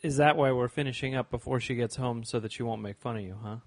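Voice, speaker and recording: A man's voice: mid-range voice, fast, no echo. A young man co-hosting a casual podcast chat, joking dryly and swearing casually. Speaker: podcast co-host.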